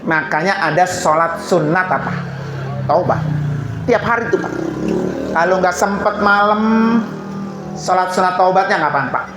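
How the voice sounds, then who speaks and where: A man's voice: high-pitched, unhurried, long pauses. A man preaching at a memorial prayer gathering. He talks in a colloquial way, asking the crowd questions and answering them himself. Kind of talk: sermon at a seven-day memorial prayer gathering. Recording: echoey room with faint background noise.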